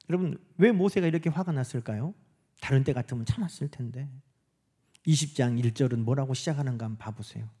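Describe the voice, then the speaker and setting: A middle-aged man preaching a sermon. His voice sits high, and its pitch rises and falls a great deal. He acts out the lines he quotes and sometimes sinks to a whisper. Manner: animated preaching, acting out quoted speech, dropping to whispers. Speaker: pastor.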